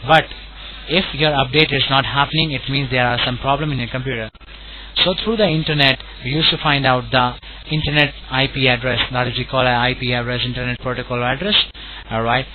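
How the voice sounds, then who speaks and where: A man's voice: medium pitch, fairly even intonation, fairly quick. A man with an Indian accent working as a call center tech support agent, talking in a polite, wordy, repetitive way over the phone. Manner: polite, wordy, repetitive, often saying sir and all right. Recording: tinny phone line with clear noise.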